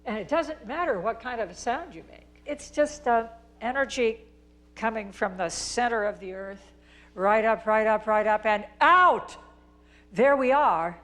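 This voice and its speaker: A woman's voice: fairly high pitch, animated, a little slow, a bit bright. A woman coaching a singer in rehearsal, encouraging and probing. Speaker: acting coach.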